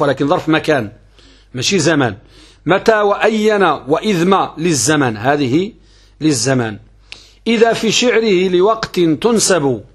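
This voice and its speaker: Husky sheikh teaching grammar. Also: male voice, fairly high pitch. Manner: repeats key phrases, asks students rhetorical checks. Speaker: Islamic scholar teaching grammar. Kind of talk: classroom grammar lesson.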